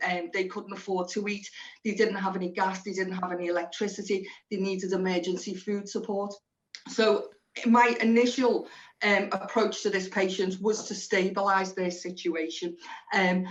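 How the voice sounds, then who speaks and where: A woman's voice: mid-range voice, highs cut off. A woman explaining her work in a radio interview in an earnest, explanatory way. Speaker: social prescriber being interviewed.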